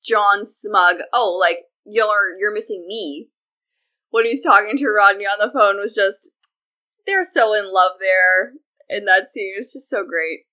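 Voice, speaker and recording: A woman's voice: mid-range voice, unhurried, pushed and bright. A woman co-hosting a podcast, gushing in casual fan chat with lots of fillers. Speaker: podcast co-host.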